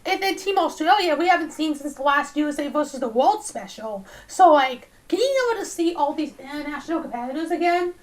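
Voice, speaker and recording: A woman co-hosting a podcast, chatting in a relaxed, conversational way. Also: sits high, fairly quick, hardly any pauses, low-quality recording. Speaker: podcast co-host. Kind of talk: casual podcast chat.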